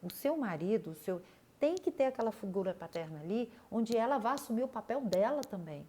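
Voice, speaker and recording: An older woman with a Brazilian Portuguese accent, talking casually and earnestly to viewers, repeating words and pausing with fillers. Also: fairly high pitch, animated, mellow, slight background noise. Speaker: body analysis therapist.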